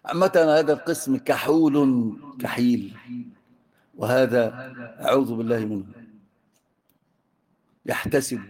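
An Egyptian-accented man with a medium-pitched, darkish voice teaches an informal religious lesson at an unhurried pace, pausing often. He teases and jokes with his students, shifting between classical and colloquial speech.

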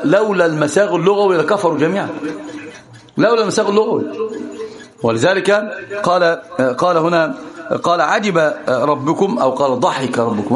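Fast animated religious teacher. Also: male voice, a little high. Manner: animated, teasing, often laughing. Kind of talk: religious lesson to students. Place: lesson hall with students.

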